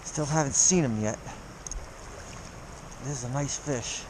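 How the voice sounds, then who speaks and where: A man's voice: mid-range voice, a little slow, noisy background. A man fishing in a cold creek, talking through a face mask that muffles his voice, chuckling as he chats to viewers. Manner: excited, chuckling, talks to viewers as he fishes. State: cold, frozen. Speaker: fly-fishing vlogger. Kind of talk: casual running commentary while fishing. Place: outdoors, wading in a creek. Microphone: body or handheld camera.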